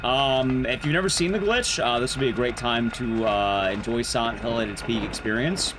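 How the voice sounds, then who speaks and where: A male speedrunner and streamer gives casual, rambling, playful commentary on his run, explaining as he plays. His mid-range voice moves at a moderate pace over the game music, and the audio quality is poor.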